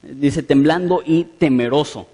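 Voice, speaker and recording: A man's voice: a little high, unhurried, warm tone, husky, in a large hall. A man preaching a sermon as pastor, earnest and emphatic, lifting his voice on quoted prayers.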